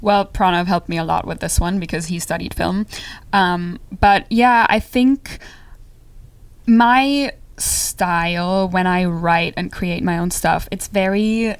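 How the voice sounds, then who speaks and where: A woman's voice: lowish voice, slow, clean tone, dry recording. A young adult woman from Austria, an actress and filmmaker, chatting upbeat and easily in a casual interview.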